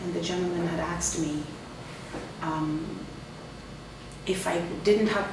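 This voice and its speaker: A woman's voice: lowish voice, steady tone, takes it slowly. A woman speaking earnestly and emphatically, with touches of humor, as a guest in a live radio interview. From Ghana. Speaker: charity founder and cancer survivor. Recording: echoey room, distant mic, background noise.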